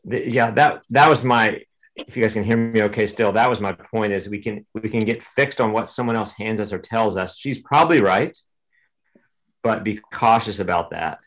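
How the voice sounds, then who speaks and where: A man with a fairly low voice gives his clinical take in an online panel. He is brisk and practical, numbering his points as he goes. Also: a bit bright, poor audio. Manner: direct and practical, lists steps. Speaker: critical care physician panelist.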